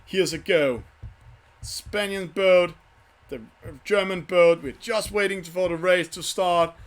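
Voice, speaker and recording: A man hosting and commenting live on an online sailing race from a studio, with halting, self-correcting phrasing. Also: on the high side, a bit bright.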